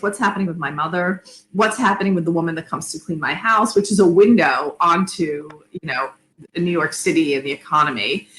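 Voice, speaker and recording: A middle-aged woman, an academic and author, is interviewed over an online video call from an indoor room. Her voice sits on the low side and is a bit bright, and she explains things conversationally with lists and asides. The room is echoey, with some background noise.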